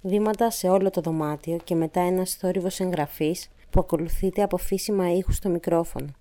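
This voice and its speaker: A woman co-hosting a true crime podcast, reading a transcript in a plain, even way. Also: on the low side, dry recording. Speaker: podcast host.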